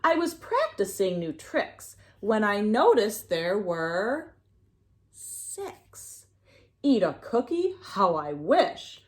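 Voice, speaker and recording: This is a female narrator reading aloud to young kids at an unhurried pace. Her intonation is highly animated and sing-song in picture-book style, and she pauses to prompt her listeners.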